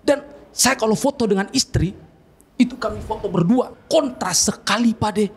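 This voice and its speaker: A man from doing a stand-up comedy routine in a calm, formal storytelling manner. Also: high voice, moderate pace, husky. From eastern Indonesia.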